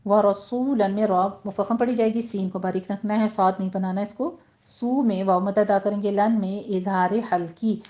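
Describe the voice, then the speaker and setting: Patient woman teaching recitation, mellow tone. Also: mid-range voice, fairly even intonation. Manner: patient, instructive, slows right down to model each word. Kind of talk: tajweed lesson with slow recitation. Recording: slightly dull lo-fi sound.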